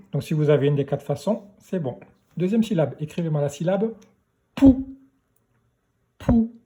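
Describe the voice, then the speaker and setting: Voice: medium pitch, animated, normal speed, mellow. A primary school teacher giving a remote dictation lesson, repeating each syllable and spelling it out letter by letter.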